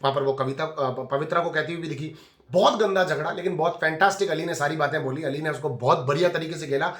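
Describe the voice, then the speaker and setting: A rapid-fire male reviewer in a chatty commentary vlog with a slightly high voice, talking straight at the contestants as if scolding them. His voice rings in an echoey room. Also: steady tone, fairly bright tone. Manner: chatty, scolds people on the show directly. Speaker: reality TV reviewer.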